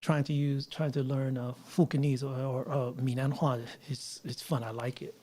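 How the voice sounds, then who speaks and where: A man's voice: medium pitch, little pitch movement, normal speed, dark tone. A man hosting a casual live stream, rambling with frequent restarts and asides to viewers. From United States. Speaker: livestream host. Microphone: mixer setup with line noise.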